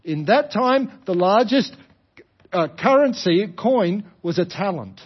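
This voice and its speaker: An Australian man giving a sermon, explaining a parable with rhetorical questions and deliberate repetition for emphasis. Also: sits high, lively intonation, husky, muffled recording. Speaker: preacher.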